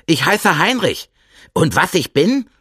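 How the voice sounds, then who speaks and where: A man voicing a cheeky, playful young male rabbit in a storybook, with a high, bouncy, teasing voice. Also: big pitch swings, takes it slowly, bright, forceful tone, slightly rough, dry recording, studio quality, exaggerated voice.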